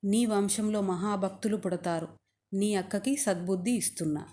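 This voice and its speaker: A woman's voice: mid-range voice, moderate pace, warm tone, close to an everyday voice. A woman storyteller voicing a mighty, benevolent god who speaks in a commanding way.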